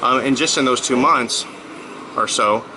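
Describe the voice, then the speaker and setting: A man's voice: medium pitch, measured pace, pushed and bright, a little hiss or hum, low-quality recording. A man in his thirties talking casually in a vlog, rambling and upbeat with lots of fillers, just back from a workout. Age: 30s. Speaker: blogger.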